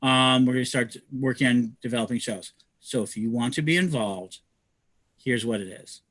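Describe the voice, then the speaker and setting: Talking at a moderate pace in a medium-pitched, fairly bright voice, this livestream host promotes community projects. He's eager and meandering, frequently starting sentences over, and the sound has no echo.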